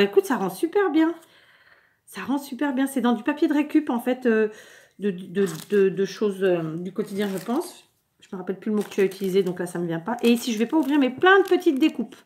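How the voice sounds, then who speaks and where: A French woman with a somewhat high voice chats casually as she shows the mail she received. She stumbles, repeats words and fills pauses as she goes. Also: a little mellow. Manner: chatty, stumbling restarts and fillers. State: clearing her throat, something in the throat. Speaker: scrapbooking vlogger.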